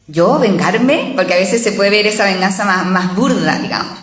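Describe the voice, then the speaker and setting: A woman's voice: mid-range voice, fairly even intonation, fairly quick, fairly bright tone. Woman lecturing in an echoey hall. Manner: conversational, checks in with "¿ya?", acts out inner voices. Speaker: theologian giving a parish talk. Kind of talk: spoken lecture to a parish group. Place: parish hall.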